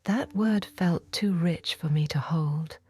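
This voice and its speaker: A woman voicing a repentant, forgiven woman of biblical times in a whispered role-play, telling her story in a hushed, reverent, intimate first person. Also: lowish voice, slow, husky, dry recording, studio quality. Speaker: audiobook narrator.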